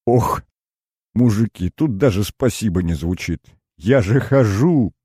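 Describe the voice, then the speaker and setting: Audiobook casting: a man playing an older veteran grandfather, choked up and sobbing, a touch higher and louder than the reader's own deep voice. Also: lively intonation, measured pace, breathy edge, no room sound, studio quality. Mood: overwhelmed. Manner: sobbing, overwhelmed. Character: tearful old male war veteran grandfather.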